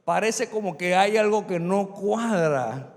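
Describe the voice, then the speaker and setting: Speaking slowly in a high-pitched, expressive voice, a middle-aged man preaches as a pastor. He acts out scenes of Bible dialogue with changed voices and asks the congregation to echo his words, all within the long reverb of a big hall.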